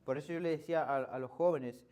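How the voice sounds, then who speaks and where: A male pastor with an Argentine accent delivers a conversational sermon in a somewhat high voice. He keeps checking in with his listeners through quick rhetorical questions. He often stumbles and restarts his phrases as he explains a point. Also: darkish tone. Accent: Argentine Spanish. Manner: hesitant restarts while explaining. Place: church.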